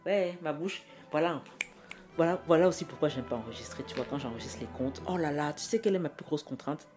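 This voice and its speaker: Late at night at home, a French podcast host with a deep voice talks to herself briskly in a solo episode. She rambles in a chatty, self-mocking way with many restarts and fillers; a portable audio recorder captures it, faint classical music playing behind her.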